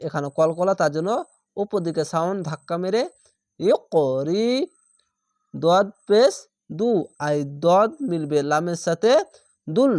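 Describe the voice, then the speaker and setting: A man's voice: high-pitched, unhurried, pauses often, a little mellow, no room sound, clean studio sound. A man teaching Quran reading, who spells out each letter and syllable, repeats the sounds and stretches the vowels before joining them into words. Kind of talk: step-by-step recitation lesson.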